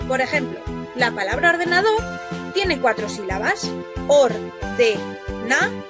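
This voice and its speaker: A woman with a Spain Spanish accent giving a scripted grammar lesson for children, slowly drawing out each example word. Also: high voice, big pitch swings. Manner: slow, stretched-out spelling of example words. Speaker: narrator of a children's grammar video. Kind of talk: scripted educational narration. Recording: clip with loud children's music behind.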